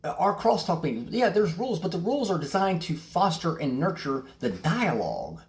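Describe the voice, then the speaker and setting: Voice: medium pitch, big pitch swings, a little fast, a little mellow. A recovery meeting host speaking candidly to viewers, blunt and passionate, swearing freely and restarting sentences often. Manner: rambling with repeated restarts. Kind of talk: candid recovery talk to camera.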